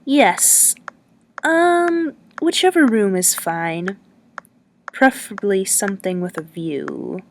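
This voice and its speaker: A woman's voice: mid-range voice, slow pace, slight background noise, lightly acted. Hesitant guarded young woman traveler, as the reader voices her.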